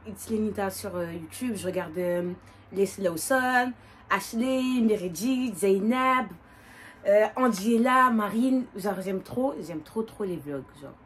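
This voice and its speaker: A woman in her twenties with a northern French accent, chatting casually and quickly as a vlogger while doing her makeup, with lots of fillers and restarts. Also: medium pitch, slight background noise. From northern France. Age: 20s. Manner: fast, animated, many fillers and restarts.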